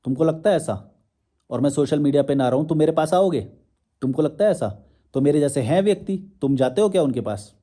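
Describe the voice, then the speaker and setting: A man's voice: fairly high pitch, animated, fairly quick, dark tone. A young man giving a confrontational monologue to his viewers, firing rhetorical questions and challenges. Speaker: social media commentator.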